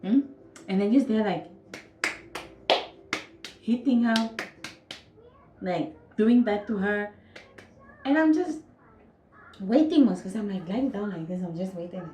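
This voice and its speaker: Namibian woman vlogging, chatty and animated, acts bits out, roomy sound. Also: mid-range voice, measured pace, pauses often, slight background noise. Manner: animated, acts out moments with quoted voices and sound effects. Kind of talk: casual storytelling to camera.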